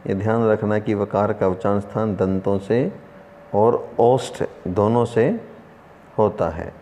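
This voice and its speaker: Slow, mellow-voiced male teacher in a reverberant room. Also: on the low side, fairly even intonation, slight background noise. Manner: slow, explains by asking and answering his own questions. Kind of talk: online lesson.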